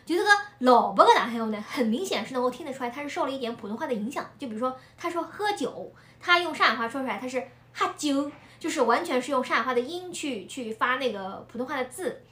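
A woman chatting casually about a film, telling stories in an animated way and laughing often. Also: high-pitched, fast talker, hardly any pauses, roomy sound. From Shanghai. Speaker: video creator discussing a film. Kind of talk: casual chat.

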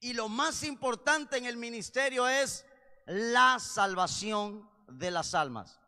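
A man preaching a sermon with passion, swinging between loud cries and low, intense passages. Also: animated, slow. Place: church. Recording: long reverb of a church hall.

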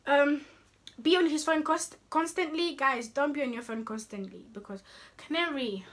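A woman's voice: high-pitched, normal speed, fairly bright tone, slight background noise. A young woman in her twenties talking casually to the camera in a sassy, teasing, playful way. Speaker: vlogger.

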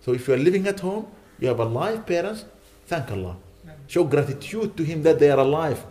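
A man's voice: a little high, expressive, a little fast, mellow. A man delivering a sermon as a sheikh, urging his listeners with repeated rhetorical questions. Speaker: sheikh giving a lecture. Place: lecture hall.

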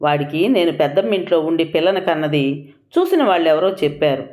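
A woman narrating an audio story in an expressive, measured way. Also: sits low.

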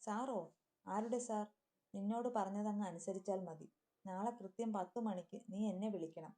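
A woman's voice: mid-range voice, normal speed, mellow, close to an everyday voice. A woman voicing a young husband who gives curt orders. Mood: commanding. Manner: curt, commanding.

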